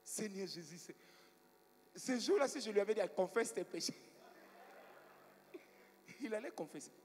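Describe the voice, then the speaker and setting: A high-pitched male preacher, telling stories from the pulpit and drawing replies from the congregation. His voice rings through a large church hall with a long reverb tail. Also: expressive, fairly quick. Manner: storytelling preacher, asks the congregation for responses. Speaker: pastor. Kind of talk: sermon.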